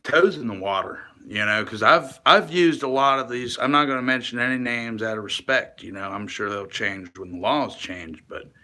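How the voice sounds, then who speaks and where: A man giving a rambling, confessional monologue to camera, halting and restarting often and swearing casually. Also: medium pitch, sharp tone.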